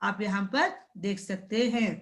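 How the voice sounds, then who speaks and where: A woman teaching a primary school class, sounding out words syllable by syllable and repeatedly checking with the children. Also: mid-range voice. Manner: drawn-out syllable-by-syllable pronunciation drills. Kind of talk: slow classroom lesson addressing children.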